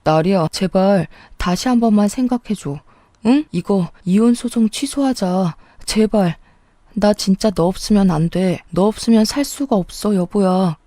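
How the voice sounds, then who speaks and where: Lady doing a desperate young husband begging through tears, mellow dark voice, dry. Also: mid-range voice, measured pace, no room sound, natural voice. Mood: pleading. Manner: pleading, tearful.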